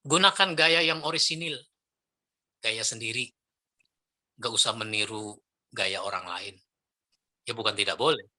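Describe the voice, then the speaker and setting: A middle-aged man lecturing on preaching technique, lively and demonstrating intonation with spoken examples. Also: fairly low pitch, a little slow, long pauses. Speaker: Islamic preacher trainer.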